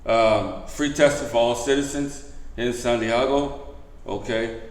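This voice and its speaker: A man's voice: medium pitch, unhurried. A man hosting a vlog, giving a casual update to viewers and repeating key points with emphasis. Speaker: vlog host. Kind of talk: casual news update to camera. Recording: echoey room.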